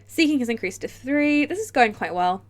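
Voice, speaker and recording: A woman streams a game, chatting casually and reading its text aloud. She's excitable, laughs easily, and bursts into high delight, though a cold leaves her with a stuffy nose and sore throat. Soft music plays in the background.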